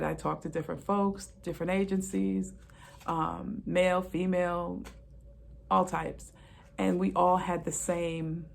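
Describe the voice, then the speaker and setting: A woman's voice: fairly low pitch, gravelly, darkish tone. A middle-aged woman, a retired police officer, telling stories in a casual monologue and repeating phrases for emphasis.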